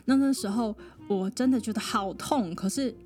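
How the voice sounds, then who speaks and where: A woman, a psychologist guest on a podcast, telling a personal story in a lively way, often laughing and mimicking other people. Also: on the high side, moderate pace, soft background music.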